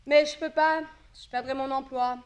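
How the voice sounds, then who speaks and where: An actress playing a fed-up office worker on a theatre stage, venting in vivid, exasperated outbursts. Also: female voice, sits high, steady tone, normal speed, slight background noise, natural voice. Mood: fuming. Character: fed-up woman office worker who hates her boss. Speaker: stage actor.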